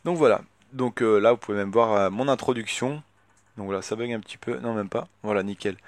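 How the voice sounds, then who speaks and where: A man's voice: on the low side, brisk, dry recording. Hesitant man walking through a tutorial. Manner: hesitant, many filler words, thinks aloud. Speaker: tutorial youtuber. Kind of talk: casual screen-recorded software tutorial.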